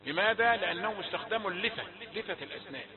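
A man with an Egyptian accent teaching Quran pronunciation, explaining rules and demonstrating with slow, drawn-out chanted examples. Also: high voice, animated. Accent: Egyptian Arabic. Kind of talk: tajweed lesson with chanted examples. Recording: tinny phone-like sound with crowd behind.

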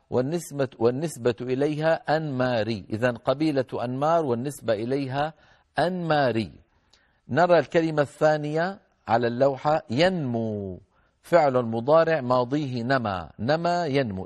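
Male recitation teacher, broadcast lesson with call-ins, mid-pitched, patient, slow drawn-out examples, chants poem verses. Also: a little mellow. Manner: explains patiently, stretching example words out slowly.

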